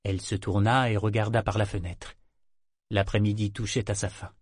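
A man reading a novel aloud as narrator, steady and measured. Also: on the low side, dry recording, clean studio sound. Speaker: audiobook narrator. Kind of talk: scripted narration.

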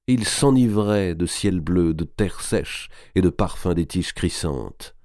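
A man narrates a historical novel in a measured, expressive audiobook reading. His voice is very deep, yet his pitch moves widely with the story. The recording is dry and close, with no room echo.

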